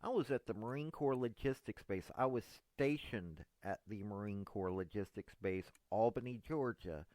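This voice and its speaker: Speaking at a moderate pace with hardly any pauses, this man has a lowish, slightly mellow voice, recorded with no echo. He's a fifties-something political commentator from East Tennessee with a Southern accent, addressing a politician directly on camera in a folksy, rambling, earnest way.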